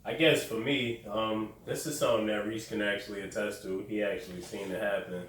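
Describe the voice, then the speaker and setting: A young podcast host tells a story bluntly and casually, swearing and restarting as he goes. His voice is on the low side, steady, a little fast and a bit bright, captured on a distant mic in a very echoey room with faint noise.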